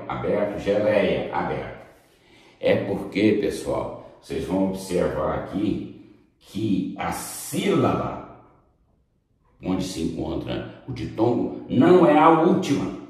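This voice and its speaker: A man's voice: low-pitched, sing-song, takes it slowly, darkish tone. A man teaching a grammar lesson, emphatic, repeating examples and checking in with students. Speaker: Portuguese teacher. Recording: very echoey room.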